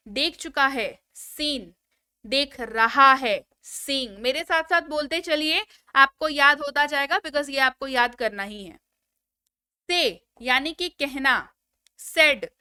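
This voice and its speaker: A woman's voice: high voice, sharp tone, no room sound, clean studio sound. A woman teaching a spoken English lesson, drilling word lists and prompting students to repeat after her.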